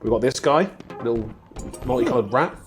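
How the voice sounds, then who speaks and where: A man's voice: mid-range voice, brisk, faint music behind. A man co-hosting a live games show, chatting casually over gameplay footage, laughing often and restarting sentences with lots of ums. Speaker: co-host of weekly games show.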